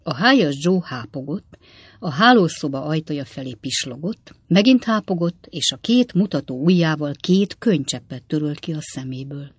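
Low-voiced woman narrating a story. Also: slightly rough, no room sound. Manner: even, measured storytelling. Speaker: audiobook narrator. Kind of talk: scripted narration.

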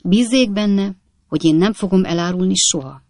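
Man doing a formal, courteous old gentleman, gravelly, audiobook. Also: sits high, dry recording, clean studio sound, voice pushed up. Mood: firm. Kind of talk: audiobook character voice.

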